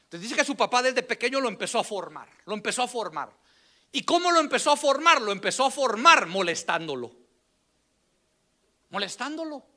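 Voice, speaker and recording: Animated high-voiced male preacher. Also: brisk. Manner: animated, acts out quoted voices with shouts and laughs. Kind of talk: storytelling sermon. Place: church.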